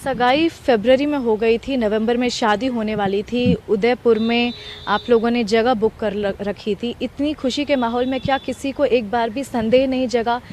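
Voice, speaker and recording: A woman's voice: a little high, fairly even intonation, moderate pace, a little mellow, slight background noise. A woman TV news reporter asking probing questions in an earnest manner, with small hesitations.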